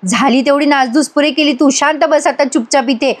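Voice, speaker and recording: A woman voicing a sharp-tongued, quick-tempered young village wife who scolds sarcastically. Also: sits high, fairly even intonation, natural voice. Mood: scolding.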